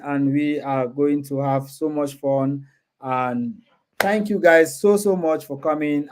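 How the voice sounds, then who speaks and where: Speaking to his audience in a relaxed livestream chat, a male host responds to viewer comments and frequently repeats himself. His voice is slightly high with a darkish tone.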